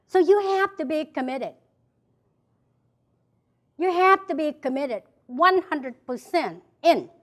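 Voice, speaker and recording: A fairly bright, high, expressive voice carries this motivational speech, delivered slowly with long pauses. The speaker is a South Vietnamese woman with a Vietnamese accent, emphatically repeating key phrases to an audience in an event hall.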